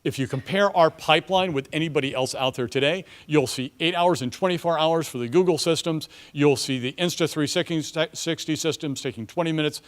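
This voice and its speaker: A man presenting a startup pitch to an audience as a company chief, speaking confidently and emphatically. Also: a little fast, hardly any pauses.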